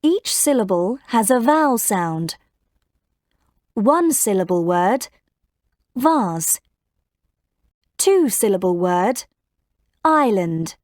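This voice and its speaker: A woman teacher explaining spelling in a slow, clear, scripted classroom style. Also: mid-range voice, big pitch swings, a little mellow, no room sound, studio quality. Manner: slow, clear, instructive delivery.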